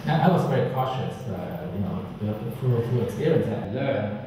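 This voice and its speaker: A middle-aged man speaks hesitantly, repeating words, in a lowish voice. He is far from the mic in a very echoey space with steady noise behind. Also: normal speed. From Vietnam. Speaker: interviewee. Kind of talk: documentary interview recollection. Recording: echoey hall, distant mic, background noise.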